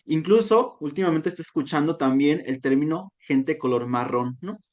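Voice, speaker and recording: A Mexican man whose first language is Nahuatl, a volunteer talk facilitator, gives a reflective online lecture in a Mexican accent, repeatedly ending sentences with "¿no?". His voice is on the high side with a darkish tone and moderate pace, and the audio sounds dull.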